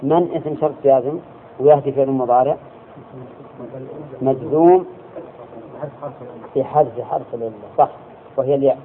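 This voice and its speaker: Guy giving a religion class, slow and deliberate, keeps asking the students, sounds like a tinny phone-line recording. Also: mid-range voice. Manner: deliberate, checks students with quick questions. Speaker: religious teacher. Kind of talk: classroom lesson explaining hadith and grammar. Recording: tinny lo-fi lecture recording with faint hiss.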